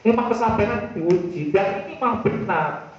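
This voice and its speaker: A man's voice: high-pitched, animated, normal speed. A male preacher giving a casual study sermon, speaking directly to his listeners and repeating key phrases for emphasis. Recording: very echoey hall, dull muffled sound.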